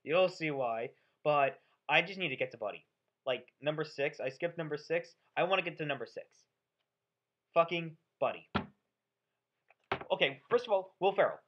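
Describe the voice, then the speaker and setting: A woman's voice: low voice, expressive, moderate pace, pauses often. A woman ranting through a sarcastic, profane, rambling movie review. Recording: dull lo-fi audio.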